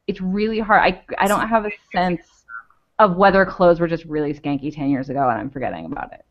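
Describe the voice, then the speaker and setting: In a fairly low voice and at a brisk clip, a woman co-hosting a podcast chats about a TV show, wandering and thinking aloud with plenty of "like"s. The sound quality is dull and lo-fi.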